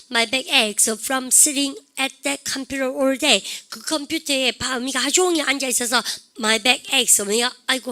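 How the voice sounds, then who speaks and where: A middle-aged woman gives an English vocabulary lesson in a bright, somewhat high voice. She keeps prompting her students to repeat after her. She stretches each English example phrase out slowly. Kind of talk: classroom lecture.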